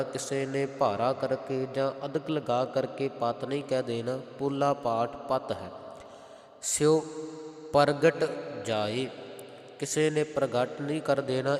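A man with a Punjabi accent teaching careful scripture recitation, chanting verses slowly and then explaining their pronunciation. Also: medium pitch, darkish tone. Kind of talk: slow, careful recitation lesson. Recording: roomy, long hall echo.

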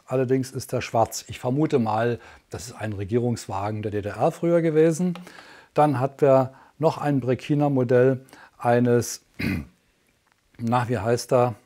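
Casting: man in his sixties, mid-pitched mellow voice, conversational infomercial host. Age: 60s. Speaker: teleshopping host. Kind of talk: infomercial-style sales presentation, unscripted and chatty. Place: indoor studio, standing at a product table.

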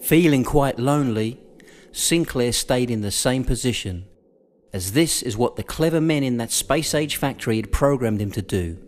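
A man narrating a children's audiobook in an expressive storytelling manner with dramatic pauses. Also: mid-range voice. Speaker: voiceover artist.

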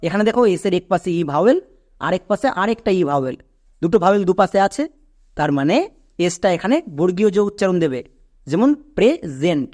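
High-voiced man teaching English spelling. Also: animated, quick pace, darkish tone. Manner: explains step by step with questions to learners; stretches out syllables when sounding words. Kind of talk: spoken lesson.

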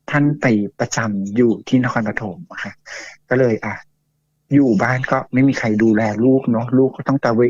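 A man's voice: mid-range voice, no echo. A man telling a ghost story to a host in a chatty, casual way, full of fillers and acted-out quotes. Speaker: guest storyteller. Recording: dull lo-fi dry audio.

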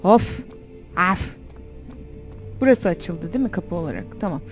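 A woman's voice: fairly low pitch, sing-song, a little slow, faint music behind. A young woman playing a horror game on facecam, talking to herself and shrieking when frightened. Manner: jumpy, talks to herself, shrieks when scared. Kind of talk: let's play commentary. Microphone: desk mic with facecam.

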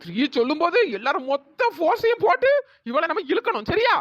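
A woman's voice: big pitch swings, quick pace, noisy background. A woman voicing a bossy village girl in a cartoon, scolding and ordering the others around. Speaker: cartoon storyteller. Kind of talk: cartoon voice acting. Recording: dry close pitched-up voice.

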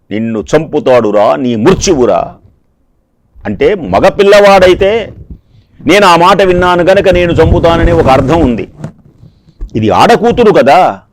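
A man's voice: on the high side, no echo. A man voicing a grieving mother who begs her cruel brother for mercy, repeating her pleas in a religious storytelling discourse. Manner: pleading, repeating her appeals.

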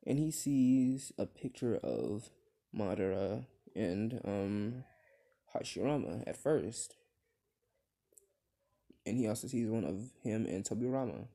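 A young man improvising a fan-fiction story out loud, rambling with many fillers and restarts. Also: on the low side, slow pace, creaky, pauses often.

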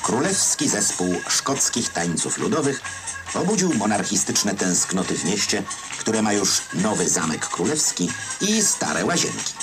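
Deep-voiced man narrating an old newsreel, wryly. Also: sing-song, unhurried. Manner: wry, ironic. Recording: newsreel soundtrack with loud music behind. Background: music.

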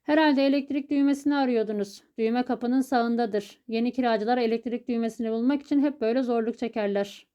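A woman voicing a calm, smug male burglar in an audiobook, speaking in a matter-of-fact way. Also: on the high side, a little fast, hardly any pauses, dull audio, lightly acted. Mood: nonchalant.

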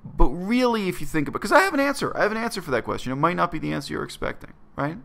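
Guy in his 30s, gravelly voice, blunt and earnest, talking into a laptop cam in his bedroom. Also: a little high, sing-song, very fast, a bit bright. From Canada. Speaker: vlogger. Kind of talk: reflective personal monologue to camera. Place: small bedroom, indoors.

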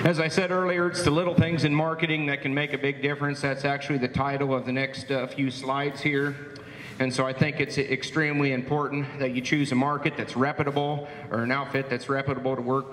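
A man's voice: mid-range voice, fairly bright tone. A man giving a plainspoken presentation to cattle producers at a meeting, with lots of "uh" fillers. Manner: plainspoken, folksy, frequent "uh" fillers. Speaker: livestock auction market speaker. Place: meeting hall. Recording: roomy hall, long echo.

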